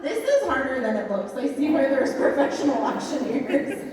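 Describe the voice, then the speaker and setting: A woman acting as a volunteer auctioneer at a live fundraiser, playfully joking and chanting bids in quick repeats. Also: high voice, very animated, crowd noise. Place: large event hall at a fundraiser. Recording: echoey hall, voice from far off.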